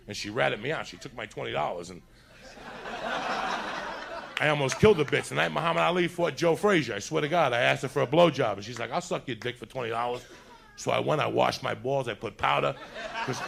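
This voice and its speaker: A man from New City, telling a crude, animated story and laughing through it. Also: medium pitch, creaky, background noise. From New York City. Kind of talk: profane comedic storytelling.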